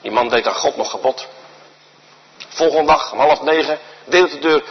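A man's voice: a little high, normal speed, husky. A man preaching in a church, emphatic and repetitive, often asking rhetorical questions. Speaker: guest preacher. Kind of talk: sermon. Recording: dull recording with long church reverb.

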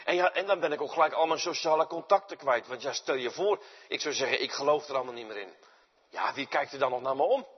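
Male preacher, lively delivery, slightly husky voice, echoing church hall. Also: on the high side, quick pace. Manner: dramatic swings from loud to near-whispered. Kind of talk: sermon. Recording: dull sound with long reverb in a large hall.

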